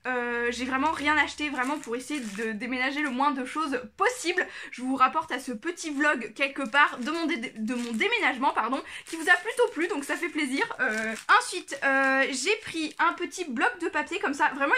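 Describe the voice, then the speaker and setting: A woman's voice: high-pitched, expressive, normal speed, hardly any pauses, sharp tone, a little hiss or hum. A young woman chatting casually in a haul vlog, showing her finds with many fillers and small self-corrections. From France. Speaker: craft vlogger.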